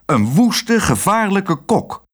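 A man's voice: mid-range voice, sing-song, moderate pace, slightly rough. A man reading aloud, voicing a stern, scolding male director of a care home.

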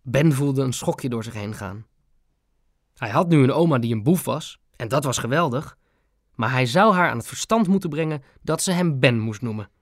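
A man narrating a children's audiobook in a lively storytelling manner. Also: mid-range voice, normal speed, no echo, studio quality.

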